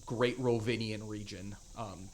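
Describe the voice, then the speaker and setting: A man narrating as game master of a tabletop game, halting with many fillers. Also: on the low side, steady tone, a little hiss or hum.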